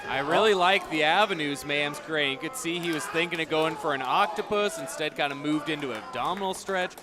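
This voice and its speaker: Male wrestling color commentator, slightly high voice, casual analytical delivery, loud live crowd and noise behind. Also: brisk. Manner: explains strategy in casual, chatty phrasing. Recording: noisy live event, loud crowd around him. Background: crowd noise of a live wrestling event.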